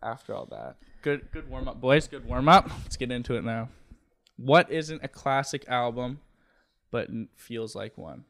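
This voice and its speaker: A man's voice: medium pitch, moderate pace, gravelly, fairly bright tone. A young man hosting a podcast, joking in slangy casual chat and steering the talk. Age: young adult. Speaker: podcast host.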